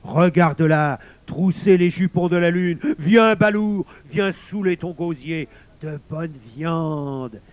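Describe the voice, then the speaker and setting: A man voicing a sly, boastful male werewolf with a rough, jeering voice, on a dull lo-fi recording. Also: on the high side, takes it slowly, darkish tone, no echo, pitched above the performer's own voice. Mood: boisterous, mocking.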